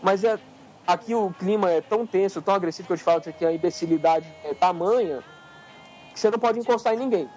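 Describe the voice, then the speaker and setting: Um homem com sotaque brasileiro, coapresentador, contando histórias com exaltação e muito palavrão. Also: male voice, sits high, quick pace, a little mellow, lo-fi sound, faint music behind. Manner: heated storytelling, swears freely. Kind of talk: casual chat.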